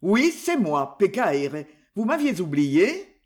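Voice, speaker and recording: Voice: mid-range voice, very animated, slow pace. A reader doing a sly, wheedling old boatman.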